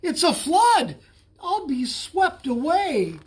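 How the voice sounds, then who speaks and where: A man voicing an excitable young male bullfrog in a read-aloud storybook, with high, eager, breathless exclamations. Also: measured pace, slightly rough, heavily acted. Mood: panicked.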